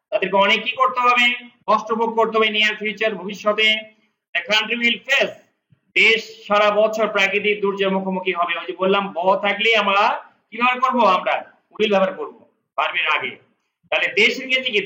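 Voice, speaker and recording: A man teaching spoken English, who says each English phrase slowly, repeats it and explains it word by word. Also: sits high, sharp tone. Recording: echoey room.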